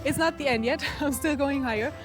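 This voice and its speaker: A woman's voice: high voice, a little fast, over music. A young woman with a way of talking, chatting eagerly to the camera while hiking outdoors, a little out of breath. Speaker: travel vlogger. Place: outdoors on a mountain hike.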